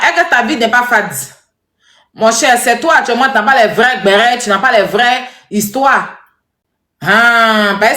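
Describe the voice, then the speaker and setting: A woman giving animated, scolding commentary straight to her viewers. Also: on the high side. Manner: animated, scolding, repetitive, addresses viewers directly. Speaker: social media commentator. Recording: echoey room.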